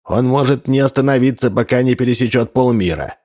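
A man voicing a grumbling old male prospector who complains in a gruff way. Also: medium pitch, brisk, a little mellow, voice pushed up, close to an everyday voice.

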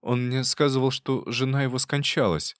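A man reading an audiobook, voicing a quiet, earnest young woman who speaks softly. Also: mid-range voice, fairly even intonation, normal speed, dry recording, studio quality, voice pushed up, close to an everyday voice. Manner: soft, quiet.

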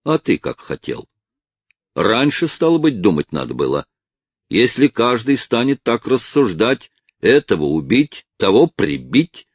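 A man's voice: lowish voice, very animated, measured pace, husky, no echo, pitched above the performer's own voice, heavily acted. A man voicing a blunt middle-aged male driver who lectures in a raised tone. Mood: scolding.

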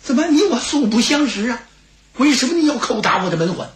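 Frail ninety-year-old steward, high quavery old man's voice, pitch leaping upward, put on by a male storyteller. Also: very animated, a little fast, roomy sound. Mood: bewildered.

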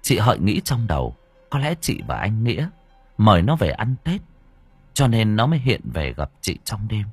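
A man narrating a story slowly and dramatically, letting his voice swell at tense moments. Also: on the low side, sing-song, a little mellow, slightly rough, no room sound. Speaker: audiobook narrator. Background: faint background music.

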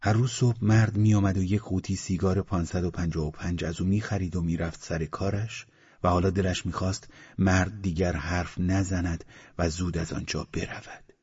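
A man narrates an audiobook in a measured, even reading. His voice is very deep and husky, and the recording sounds slightly muffled. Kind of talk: scripted narration.

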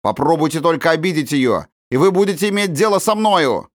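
A man's voice: fairly high pitch, a little fast, dry recording, studio quality, pitched above the performer's own voice, natural voice. A man voicing a brave young boy who speaks firmly and angrily, like a grown-up, in a storybook reading. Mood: indignant. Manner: firm, angry, grown-up in tone.

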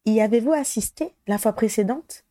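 A woman's voice: on the high side, moderate pace, mellow, dry recording, studio quality, voice pushed up, natural voice. A woman reading the lines of a weary grown-up male wizard hero, terse and guarded, in a storybook.

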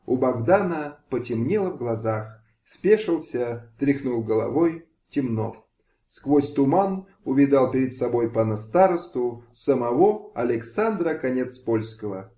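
Man, expressive audiobook narration, lively pitch, echoey home room. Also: measured pace. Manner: expressive, dramatic reading. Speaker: audiobook reader. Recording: roomy home recording.

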